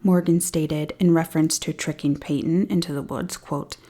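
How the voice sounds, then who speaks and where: A woman's voice: low voice, steady tone, normal speed, dark tone. A woman hosting a true crime podcast, retelling a case with dry, sarcastic asides. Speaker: podcast host. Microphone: studio-style podcast mic.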